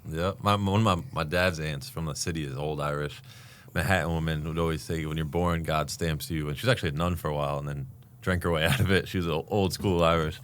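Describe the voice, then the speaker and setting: Male podcast host with an extremely low voice, casual and affirming. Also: fairly even intonation, fast, fairly bright tone, clean tone. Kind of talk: casual interview chat.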